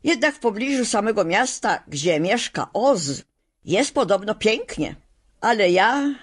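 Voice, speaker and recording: A woman voicing a calm, fearless tin man in a storybook reading, speaking steadily. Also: on the low side, slightly rough.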